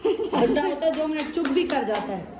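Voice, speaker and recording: A woman's voice: high voice, lively intonation, normal speed. A woman talking chattily to her viewers in a casual home vlog, filmed on a phone. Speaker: vlogger. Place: home with guests. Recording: busy room with children's noise. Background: children playing and guests chatting.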